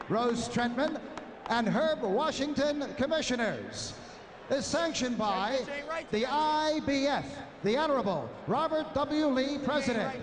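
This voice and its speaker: Over loud arena noise, a male boxing ring announcer declaims formally in a very high, projected voice. He stretches out his phrases ceremoniously and pauses often. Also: big-room sound. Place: large indoor sports arena. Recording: noisy arena PA broadcast.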